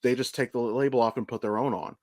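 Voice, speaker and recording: Steady in tone but fast, a medium-pitched, somewhat mellow male voice co-hosts a podcast. He appears to be an American in his thirties, rambling casually with profanity and frequent self-corrections. The recording is clean studio audio without echo.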